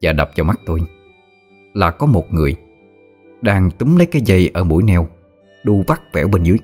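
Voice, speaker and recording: A man narrating a first-person ghost story in a steady, measured way. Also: low voice, husky. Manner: steady, measured telling that turns frantic in quoted outbursts. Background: faint music.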